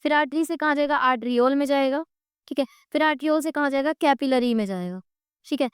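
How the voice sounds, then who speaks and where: A woman's voice: high voice, fast, dry recording, clean studio sound. A woman teaching an exam-prep lecture in Hindi-English with an Indian accent, asking her students question after question while she draws. Her throat is sore. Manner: quizzing students with repeated questions; drawing on a board while explaining.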